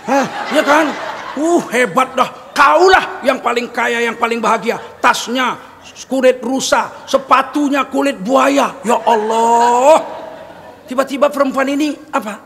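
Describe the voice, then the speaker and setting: A middle-aged Indonesian man preaching a sermon, telling lively stories and acting out dialogue with humor. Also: extremely high pitch, a little slow, vocal fry. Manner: animated storytelling with acted dialogue and jokes. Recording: long hall reverb, faint noise.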